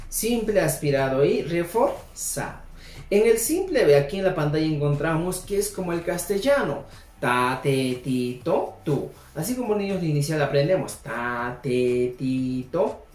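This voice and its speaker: A woman teaching a language lesson, modeling sounds patiently and slowly for learners to repeat. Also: fairly low pitch, darkish tone, echoey room. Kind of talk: spoken lesson with repetition drills.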